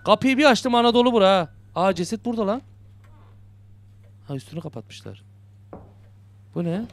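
A young man, a gaming YouTuber, comments on the horror game he's playing in a high, animated voice at moderate speed. He keeps joking and muttering to himself, breaking into frightened yelps when startled.

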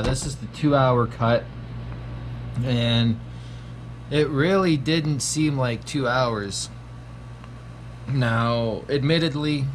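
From a small room at home, a laid-back man in his thirties gives a casual horror movie review in a mid-range voice, swearing constantly and saying um a lot. There's slight background noise.

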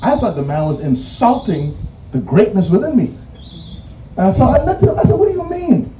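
A man's voice: sits high, big pitch swings, moderate pace, mellow, slight background noise. Emphatic Bahamian man preaching at graduation. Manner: emphatic, repeats key phrases, numbered points. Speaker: commencement speaker. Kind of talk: commencement address with preaching cadence. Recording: roomy echo, distant mic, faint music.

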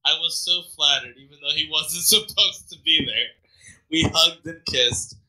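A man's voice: fairly high pitch, unhurried, pushed and bright, low-quality recording. A young man reading a bad fanfic aloud to friends, wry and amused, stopping to comment and laugh. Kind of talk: dramatic read-aloud with commentary.

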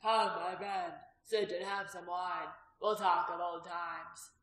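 A woman reading the part of a sly, prosperous, graying male innkeeper who talks loudly and teasingly, in a storybook reading. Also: on the low side, level tone, takes it slowly. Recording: roomy echo.

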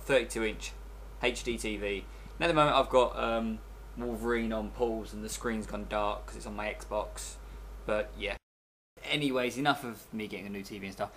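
A young man's casual vlog chatter, rambling and relaxed, comes in a voice on the low side with a bit of brightness. It was captured by a webcam microphone at arm's length on his desk in a small bedroom.

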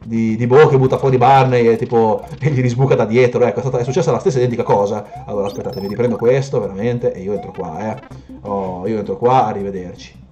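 A man commenting live on a video game he is playing, excitable and swearing, yelping and joking at what happens on screen. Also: medium pitch, quick pace, highs cut off. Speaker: streamer. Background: game music.

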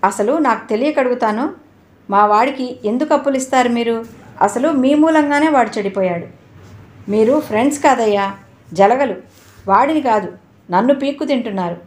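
A woman voicing a short-tempered, blunt, wealthy middle-aged father in a storybook reading, speaking loudly and abruptly. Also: mid-range voice, normal speed, long pauses, lightly acted. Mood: angry scolding. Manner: scolding, loud and abrupt.

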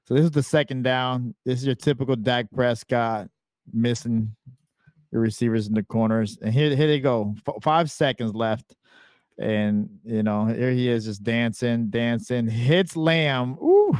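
A man hosting a casual sports podcast, walking through game clips in a relaxed, chatty way. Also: mid-range voice, measured pace, no room sound, clean studio sound. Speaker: podcast host.

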